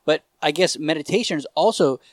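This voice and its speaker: A man's voice: on the high side, a little fast, no echo, clean studio sound. A man hosting a casual podcast chat, thinking aloud and explaining at length. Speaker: podcast host.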